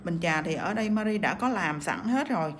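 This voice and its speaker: A woman's voice: lowish voice, expressive, fairly quick, a little hiss or hum. A woman with a cough teaching nail art on a livestream, chatting as she works and reading out viewer comments. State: sick with a cough.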